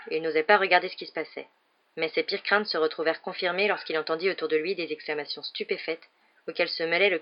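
A woman reads an audiobook chapter aloud in a steady, expressive storytelling manner. Her voice sits somewhat low, and the recording sounds dull and lo-fi. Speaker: audiobook narrator. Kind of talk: scripted audiobook narration.

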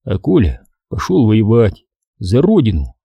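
A man narrating a war novel as an audiobook in an expressive storytelling manner. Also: lowish voice, measured pace, vocal fry, slightly rough, dry recording, muffled recording.

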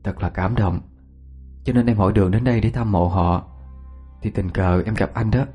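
A man voicing a gentle, soft-spoken young village woman. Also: lowish voice, steady tone, normal speed, breathy edge, soft background music.

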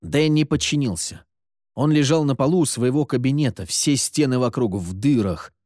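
A man narrating an audiobook in a steady, even storytelling manner. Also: mid-range voice, normal speed, no room sound, studio quality. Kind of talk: scripted narration.

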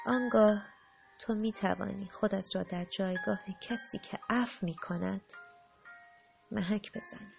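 Woman doing a soft loving spirit in a storybook, calm and tender, bit gravelly. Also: mid-range voice, over music. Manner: calm, tender, unhurried, softening to a hush. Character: gentle, loving spirit who agrees to play the wrongdoer.

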